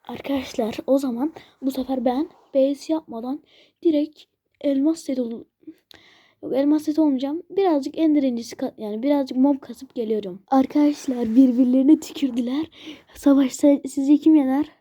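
A woman's voice: high voice, moderate pace, dark tone, dry recording. A woman giving casual let's-play commentary as host, chatting to and pleading with game monsters as she plays. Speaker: gaming channel host.

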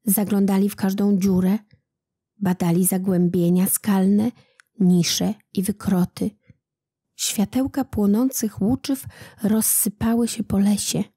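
Woman audiobook narrator for legends; unhurried, dark and slightly breathy, dry close sound. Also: medium pitch, no echo. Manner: calm, unhurried reading. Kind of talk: storybook narration.

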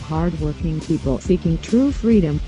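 Disguised synthetic computer voice, very dark timbre, flat measured delivery, scripted anonymous statement, faint music behind. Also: medium pitch. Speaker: anonymous activist spokesperson. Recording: muffled lo-fi audio with faint music.

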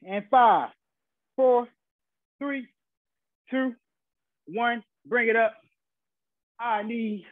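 A young man with an extremely high voice drags out his words and pauses often as he coaches a live online workout class, a fitness instructor giving short, encouraging cues and countdowns. He's indoors in a small carpeted room at home, with no echo. His laptop or webcam mic on the video call makes the audio sound muffled and phone-like.

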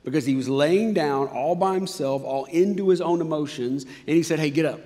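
A man preaching a sermon as pastor, telling the story with lively swings from loud excitement to hushed, low passages, with casual fillers. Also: normal speed, in a large hall. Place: church auditorium.

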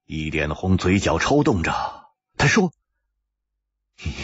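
A male storyteller narrating in pingshu style, expressive and dramatic, with a pitch that swoops over a wide range. His voice is husky and breathy, recorded dry and close, with a dull, lo-fi sound. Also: a little slow, no echo.

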